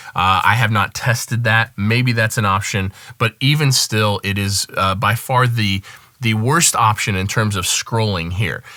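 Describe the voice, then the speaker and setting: A man, a music producer, giving a casual product review and calmly weighing the pros and cons. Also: on the low side, dry recording.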